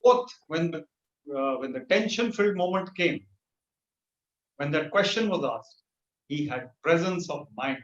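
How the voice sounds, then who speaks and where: A man speaking to teachers over a video call, telling an anecdote with animated storytelling and pitch lifts for punchlines. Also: a little slow, long pauses. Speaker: motivational speaker. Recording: roomy, dull video-call audio.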